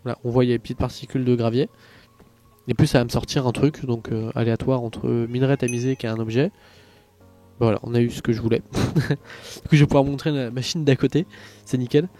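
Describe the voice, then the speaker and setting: A tired man with a mellow, medium-pitched voice narrates a Minecraft tutorial as a YouTuber. His delivery is casual and meandering, packed with hesitations and side remarks.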